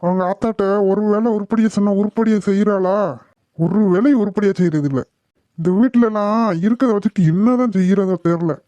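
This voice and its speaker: A woman's voice: mid-range voice, fast, dark tone, close to an everyday voice. Woman voicing a grumbling village man. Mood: angry. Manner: scolding, complaining. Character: grumbling adult village man, quick to anger. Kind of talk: cartoon voice acting. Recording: dull, dry, lo-fi.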